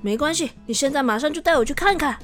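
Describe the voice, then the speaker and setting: A woman's voice: high voice, animated, quick pace, fairly bright tone, faint music behind, pitched above the performer's own voice. A woman voicing a male healer of legend, speaking in a firm, earnest way. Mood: stern.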